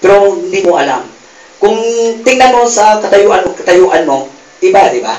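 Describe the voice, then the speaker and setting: A Filipino man giving an animated motivational testimony to a live audience, calling out questions and laughing as he acts out stories. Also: high-pitched, moderate pace, recorded from a distance. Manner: calls out questions to the crowd, gets shouted replies. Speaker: speaker giving a success testimony. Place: event hall with a live audience. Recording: roomy hall mic from afar, loud crowd noise.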